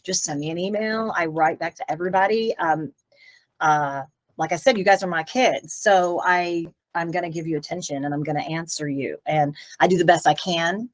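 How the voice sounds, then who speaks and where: A middle-aged woman from Tennessee, a voice actress as guest, talking in a rambling, open, chatty way during a casual interview. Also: lowish voice. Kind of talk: casual interview over a video call.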